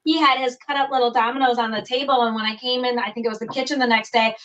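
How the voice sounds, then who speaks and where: Woman guest on a video call, slightly high voice, dull sound from off the mic; rambling, thinks out loud. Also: fairly even intonation, fast talker, a little hiss or hum. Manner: thinking aloud in long run-on explanations. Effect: heard over a video call. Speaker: guest puzzle solver. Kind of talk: casual interview answers. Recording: muffled distant video call audio.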